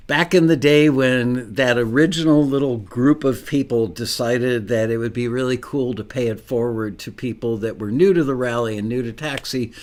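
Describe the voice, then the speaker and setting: Chatty American man hosting casually. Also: medium pitch. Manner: chatty, rambling with asides. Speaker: host of a live online show.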